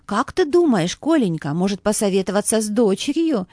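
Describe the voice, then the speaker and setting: A woman's voice: medium pitch, sing-song, darkish tone, no echo, studio quality. A woman voicing an anxious, hopeful elderly widow who talks tenderly and in a hurry, in a read-aloud story. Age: older. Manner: fussy, tender, hurried.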